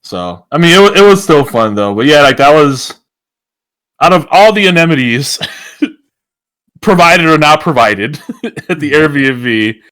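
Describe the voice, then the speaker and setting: A man's voice: a little high, expressive, unhurried, long pauses, a bit bright, clean tone, no echo. A man co-hosting a podcast in casual chat, laughing often while he tells a loose story. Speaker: podcast co-host.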